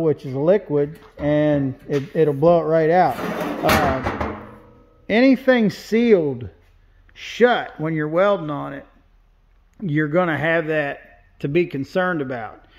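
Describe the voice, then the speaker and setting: A welder and fabricator casually points out his work in a big indoor metal fabrication shop, keeping it plain-spoken. The voice is fairly high and a little mellow, delivered a bit slowly on a lo-fi recording.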